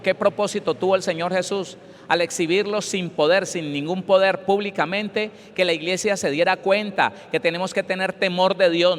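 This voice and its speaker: Man, pastor, emphatic sermon, raised voice, echoing hall. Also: high-pitched. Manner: emphatic preaching, acts out callers' voices. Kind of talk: Bible study sermon.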